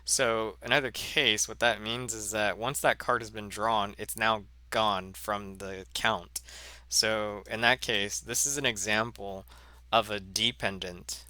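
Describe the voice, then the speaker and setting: A man teaching a math lesson in a slow, halting way, full of fillers and self-corrections. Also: lowish voice, steady tone, pushed and bright, no room sound. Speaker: math instructor. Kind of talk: recorded lecture.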